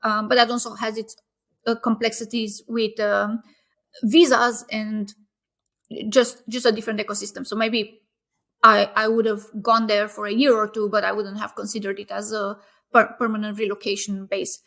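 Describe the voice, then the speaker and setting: A woman, a company founder, answering interview questions in a casual, thoughtful way, often pausing with fillers and restarting phrases. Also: medium pitch, little pitch movement, gravelly, sharp tone.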